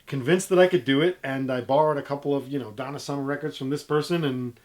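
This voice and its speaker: A man's voice: mid-range voice, fairly even intonation, fast talker. A middle-aged man chatting casually as an interview guest, telling stories in a jokey, self-deprecating way. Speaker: interview guest, DJ and music history video maker.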